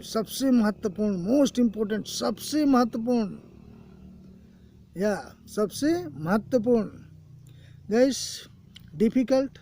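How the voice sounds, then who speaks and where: A man teaching an English grammar lesson, explaining slowly and repeating points, often calling his students "guys". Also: extremely high pitch, vocal fry, warm tone. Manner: slow, repetitive explanations, keeps saying "guys". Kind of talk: recorded classroom lesson. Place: coaching classroom.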